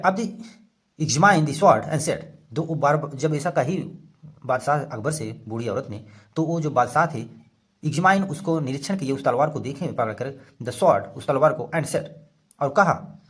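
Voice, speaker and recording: A man who teaches English, reading story lines slowly and explaining the grammar word by word in Hindi. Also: medium pitch.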